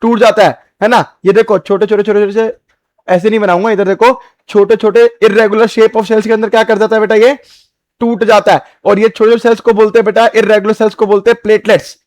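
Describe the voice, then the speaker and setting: High-voiced man teaching biology. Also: little pitch movement, brisk, no room sound. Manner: repeats key points, asks rhetorical check questions, calls students "beta". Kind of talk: classroom lecture, drawing on a board.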